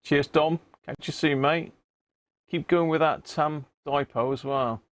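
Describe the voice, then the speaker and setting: A British man, a radio repair hobbyist hosting a livestream, gives casual commentary while he works, muttering to himself and thinking aloud. His voice is on the high side, with a steady tone and an unhurried pace.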